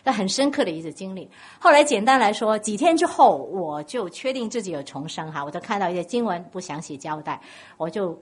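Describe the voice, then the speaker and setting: A woman's voice: mid-range voice, fairly quick, breathy edge. A woman from Guangdong with a Cantonese accent, preaching a sermon and telling stories while putting questions to the congregation. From Guangdong, China. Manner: animated storytelling, questions to the congregation.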